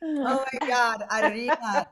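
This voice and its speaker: A woman hosting a comedy show, bantering briskly between sets. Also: a little high, a bit bright. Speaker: show host. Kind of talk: stand-up hosting.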